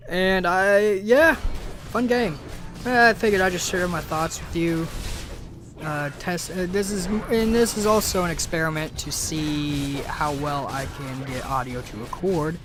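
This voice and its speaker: A gaming video creator with a high voice rambles a little slowly over his gameplay footage, stammering and using lots of filler words. Music plays underneath, and he's recorded on a home mic without a pop filter.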